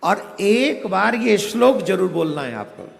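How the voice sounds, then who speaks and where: A man preaching a devotional discourse, giving slow, step-by-step instruction. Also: high-pitched, very animated, gravelly. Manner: slow, instructive, chants a Sanskrit verse in a sing-song. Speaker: spiritual preacher. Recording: echoey hall with faint music behind.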